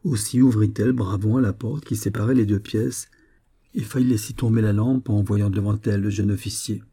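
Give me a male audiobook narrator with a low, dark, husky voice. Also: steady tone, brisk. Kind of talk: audiobook story reading.

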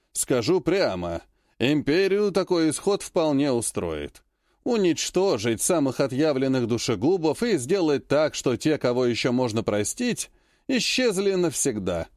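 A man narrating a fantasy audiobook and voicing each character with changes in pitch and pace. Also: a little mellow, no echo, studio quality. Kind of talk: audiobook reading with character voices.

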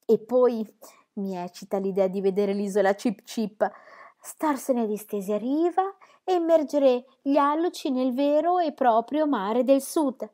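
A woman voicing an exuberant, carefree young girl who talks loudly and teasingly in a storybook reading. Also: a little high, pitched above the performer's own voice. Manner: loud, gleeful and teasing.

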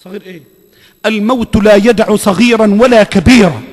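A man's voice: high-pitched, fairly quick, big-room sound. A man with an Egyptian accent preaching a sermon, emphatic and repetitive, quizzing his listeners. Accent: Egyptian Arabic. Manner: emphatic, repeats phrases, quizzes the audience.

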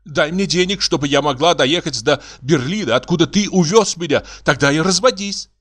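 A man's voice: fairly high pitch, normal speed, fairly bright tone, pitched above the performer's own voice. A man voicing a tearful, stubborn German painter's wife who sobs her protests in an audiobook reading. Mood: distraught. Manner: wailing, sobbing protests.

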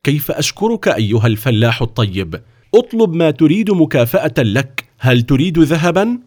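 A man's voice: medium pitch, big pitch swings, fairly quick, a little mellow. A man voicing a wealthy count and father, exclaiming and insistent as he presses his offers.

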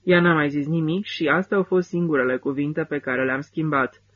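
A man reading a first-person literary novel as an audiobook narrator, with measured, steady phrasing. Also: fairly high pitch, muffled recording.

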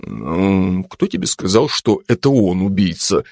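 A man voicing a calm, hesitant male police officer who speaks in a restrained way, in an audiobook. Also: low voice, measured pace, gravelly, dry recording, studio quality, voice pushed down, exaggerated voice. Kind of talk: audiobook character voice.

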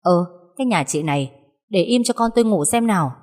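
A woman's voice: on the low side, expressive, brisk, darkish tone, close to an everyday voice. A woman voicing a harsh, scornful old mother-in-law who scolds bluntly, with a long reverb on the voice. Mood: scolding.

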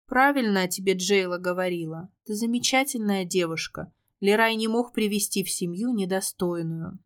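A woman voicing a smooth, flattering old demon lord. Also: medium pitch, normal speed, close to an everyday voice. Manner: courteous, flattering. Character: older male demon nobleman, smooth flatterer.

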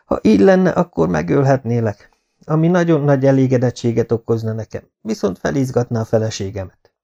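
A man voicing a stern, controlled Norman baron who speaks softly but with a hard edge, in an audiobook. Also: mid-range voice, animated, gravelly, muffled recording, voice pushed up. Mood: cold. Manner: soft-spoken but hard-edged.

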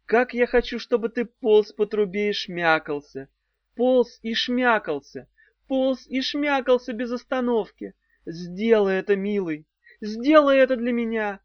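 A man voicing a young woman sorceress who taunts with mock-passionate, breathy sighs, in a dull, dry recording. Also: extremely high pitch, a little slow, no room sound, pitched above the performer's own voice.

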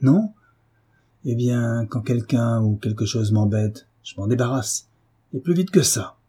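A man's voice: medium pitch, warm tone, slightly rough. A drunken brutish husband, read by a man. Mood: drunk, menacing. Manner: slow, slurred, with frequent pauses. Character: drunken brutish husband, middle-aged, menacing.

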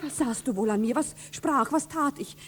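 An actress playing a proud, spirited young count's daughter in a 1960s radio play, reproachful in classic verse. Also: female voice, high voice, normal speed, slight background noise, lightly acted. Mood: offended. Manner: indignant, reproachful.

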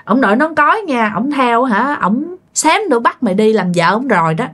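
A woman's voice: fairly high pitch, sing-song, normal speed, fairly bright tone. A woman voicing a stern older village aunt who performs rites, talking in a blunt, scolding way.

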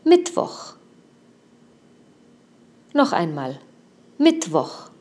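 Woman, language teacher, slow deliberate delivery, patient drills, careful enunciation. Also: lowish voice, huge pitch swings, a little mellow. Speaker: German teacher.

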